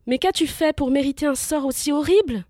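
An eager young male hero, voiced by a woman narrator, asking urgent questions in a fairly high voice. The reading is close and dry, with a storybook feel. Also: moderate pace, no room sound, close to an everyday voice.

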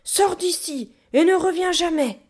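A woman voicing a short-tempered, book-loving female gorilla who shouts indignantly in an audiobook. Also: fairly high pitch, expressive, normal speed, pitched above the performer's own voice, close to an everyday voice. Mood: angry. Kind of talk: audiobook reading.

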